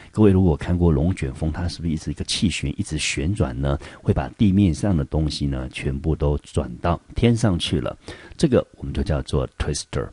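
A man with a Taiwanese Mandarin accent teaching a recorded English vocabulary lesson to high school students, explaining patiently and talking to them directly. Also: warm tone, slightly rough, dry recording. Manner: explanatory, addresses students directly, frequent "好" and "呢" fillers.

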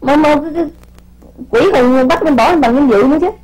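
A woman's voice: high-pitched, fairly quick, darkish tone, poor audio. A woman spiritual teacher giving an informal sermon to her disciples. She scolds, repeats words while searching for them, and keeps asking rhetorical questions.

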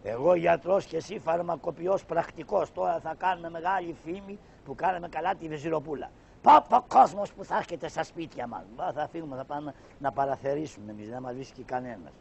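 Man voicing a cunning shadow-puppet trickster, cheeky fake doctor, husky voice, quick dismissive retorts. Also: on the high side, a little mellow. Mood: scheming. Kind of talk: Greek shadow-puppet theater. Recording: dull lo-fi recording.

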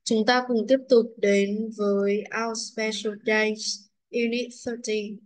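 A woman's voice: on the high side, level tone, slow pace, a little hiss or hum, rough recording. A woman English teacher with a Vietnamese accent, going through workbook answers, reading English words and translating them.

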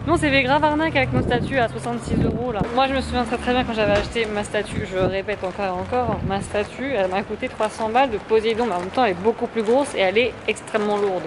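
A woman's voice: on the high side, fairly even intonation, quick pace, few pauses. A young woman in her twenties chatting casually and jokingly while she vlogs through the streets and a supermarket, laughing often. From France. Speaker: vlogger. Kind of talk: casual travel vlog chat. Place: streets and a supermarket, indoors and outdoors. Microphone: handheld camera held low at arm's length. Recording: noisy street and shop background.

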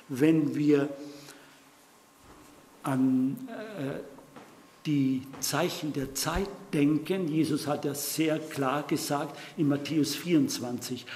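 A man preaching at a slow, deliberate pace, his voice a little high for a man. He presses key words with urgent repetition and stumbles now and then over Bible references. The long reverb of a church hall surrounds him, with faint room ambience underneath. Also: darkish tone, slight background noise. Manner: emphatic, repeats key words, urgent calls to wake up; halting with fillers and self-corrections when citing verses. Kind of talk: sermon. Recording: echoey hall, mic at a distance.

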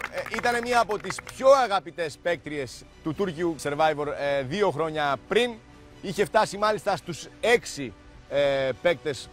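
A man's voice: fairly high pitch, a bit bright. A man hosting a reality competition show, chatty, with frequent hesitant fillers. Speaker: show host.

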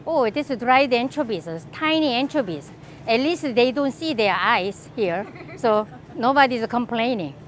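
A woman's voice: a little high, expressive, moderate pace, a little hiss or hum. A middle-aged woman from Korea with a Korean accent, chatting enthusiastically as she walks through a grocery store and shows products to the camera. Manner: chatty, enthusiastic, laughs often. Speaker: cooking channel host. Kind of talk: casual shopping walkthrough. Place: large grocery store aisles, indoors.

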